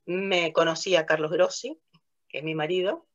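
An older Italian interview guest, a theatre narrator and director, recounts her memories casually and hesitantly, with lots of fillers, restarts and laughter. Her voice is fairly low with fairly even intonation at a normal speed. A webcam facing her on a video call picks her up in a small, plain light-walled room, with the highs cut off.

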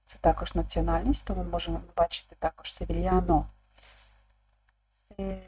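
A woman teacher explaining an online language lesson calmly, repeating each word aloud. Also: fairly low pitch, husky, rough recording. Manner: calm, slow, repeats words aloud.

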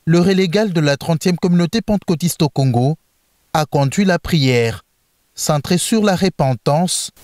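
A man reporting on a church convention in a formal, measured news voice-over, with some fillers in the live parts. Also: fairly high pitch, a little mellow, no room sound, studio quality.

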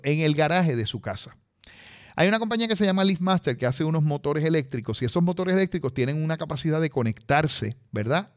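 A man presenting a radio technology segment, talking chattily and straight to the listeners. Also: a little high. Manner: chatty, addresses listeners directly.

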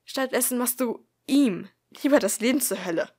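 A woman voicing a blunt, protective blonde schoolgirl with sharp, scolding outbursts. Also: mid-range voice, fairly even intonation, moderate pace, slightly rough. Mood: angry.

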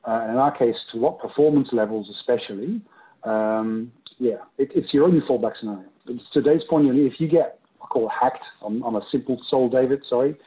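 A man's voice: medium pitch, a little fast. Man on a tinny video call. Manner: hesitant, many fillers and restarts. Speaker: consultant. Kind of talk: webinar panel discussion.

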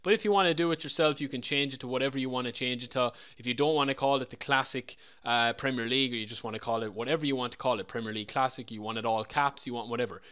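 A man's voice: mid-range voice, rapid-fire, few pauses, fairly bright tone, smooth. A man talking casually through a screen-recorded game tutorial, chatty and a little rambling. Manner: chatty, loose, repeats himself. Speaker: game modding tutorial presenter.

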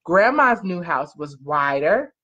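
A woman with a fairly low, a bit bright voice takes it slowly, her pitch swinging widely as she reads a picture book to children. Seated on a couch in a small living room, she draws out key words and asks the young listeners questions like a parent would, captured as muffled lo-fi audio from a webcam or laptop mic at arm's length.

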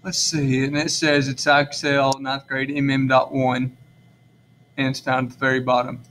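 Male teacher, mid-pitched, rambling and self-correcting through a recorded lesson, faint hiss behind. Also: flat delivery, normal speed, fairly bright tone. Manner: casual, rambling, many fillers and self-corrections. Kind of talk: screen-recorded classroom lesson.

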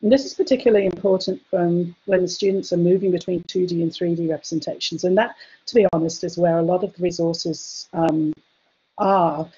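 A woman giving an academic chemistry education webinar, talking hesitantly with many fillers and restarts, her voice going hoarse. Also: fairly low pitch, steady tone, brisk, dark tone. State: losing her voice, coughing. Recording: dull lo-fi webinar audio.

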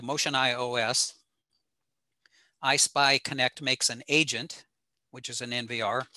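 A man with a mid-range, sharp-toned voice walks through technical material on slides during a video call. He keeps it informal, plain-spoken and matter-of-fact. He's in a room at home, and there's no room sound on the recording.

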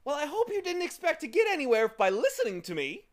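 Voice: medium pitch, sing-song, slow, a bit bright, voice pushed up. A narrator voicing a small furry demon from a storybook, theatrical and insincere in manner. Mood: gleeful, cold. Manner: theatrical, boastful listing, turning to sobbing. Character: small furry demon of insincerity, boastful, gleeful, then whimpering.

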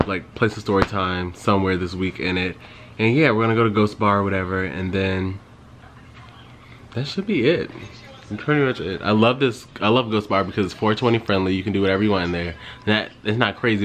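A man's voice: fairly low pitch, a bit bright, slight background noise. A young man vlogging in a casual, rambling way, telling stories to his viewers with lots of "like" and asides. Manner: rambling, chatty storytelling with frequent "like". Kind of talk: casual vlog chat. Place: in his car, then at home.

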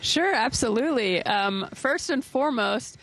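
A woman's voice: fairly high pitch, lively intonation, a little slow, fairly bright tone. A woman astronaut giving an informal explanatory interview answer, searching for words as she goes. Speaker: astronaut, flight engineer. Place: inside a space station lab module. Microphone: handheld microphone.

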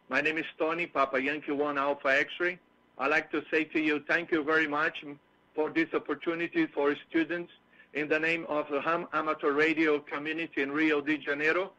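Forceful man on muffled radio. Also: fairly high pitch. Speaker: amateur radio operator. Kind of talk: formal radio greeting. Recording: dull radio conference line.

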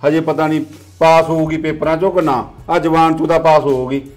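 A man playing a gruff, controlling father. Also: a little high, flat delivery, a little fast, a little mellow, natural voice. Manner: gruff, dismissive. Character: harsh controlling village father. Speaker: father of the household.

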